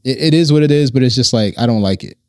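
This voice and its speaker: A man born in Guyana and raised in New York, telling animated stories as a guest in a casual chat. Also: medium pitch, fast, dry recording, studio quality. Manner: animated storyteller, repeats himself, laughs.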